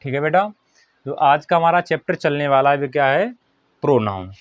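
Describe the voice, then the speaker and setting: A man's voice: fairly high pitch, expressive, dry recording, muffled recording. Man teaching a dictated grammar lesson. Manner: repeats questions and answers them himself, dictating slowly. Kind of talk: Hindi grammar lesson for children.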